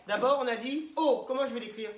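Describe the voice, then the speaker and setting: A man's voice: very high voice, fast talker. A patient male schoolteacher leads a phonics lesson and stretches each syllable so young children can follow. His voice bounces around an echoey classroom. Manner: patient, sounds words out syllable by syllable. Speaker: primary school teacher. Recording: echoey room.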